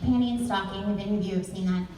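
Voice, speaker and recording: A female voice actress telling animated, playful anecdotes on a convention panel. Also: mid-range voice, rapid-fire, very noisy. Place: large convention panel hall. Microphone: panel mic through hall speakers, caught on a phone in the audience. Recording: very echoey hall, phone from far off.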